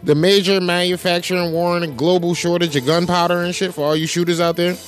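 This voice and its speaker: A man's voice: high-pitched, level tone, fast. An American man hosting a talk show, speaking in casual, emphatic, slangy and profane monologue.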